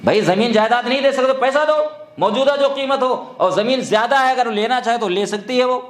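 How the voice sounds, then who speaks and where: A man's voice: very high voice, reverberant. A man preaching a sermon, exhorting his listeners with rhetorical questions.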